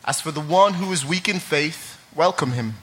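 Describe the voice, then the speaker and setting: A man's voice: on the high side, moderate pace, a bit bright. A young man from Ireland, sharing his testimony at a church service in a chatty way full of fillers and laughter, then reading scripture.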